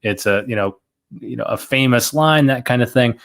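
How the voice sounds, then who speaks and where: A man's voice: mid-range voice, normal speed. A young man chatting casually on a trivia livestream, rambling and self-mocking with lots of fillers. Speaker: trivia contestant and co-host.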